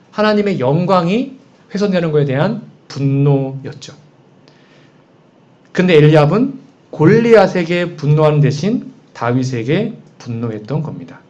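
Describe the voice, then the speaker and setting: A man's voice: a little high, a little mellow. A man preaching a sermon in a conversational way, posing frequent rhetorical questions to the congregation. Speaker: pastor. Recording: dull, muffled sound.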